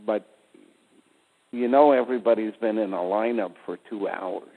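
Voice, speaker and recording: A man with a fairly low voice talks in an unhurried, deliberate way and breaks down words letter by letter. The sound is thin and phone-like, with a long reverb tail behind it. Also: vocal fry. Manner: slow, deliberate wordplay explanations. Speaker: guest speaker. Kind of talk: casual phone conversation. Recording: tinny phone line with reverb.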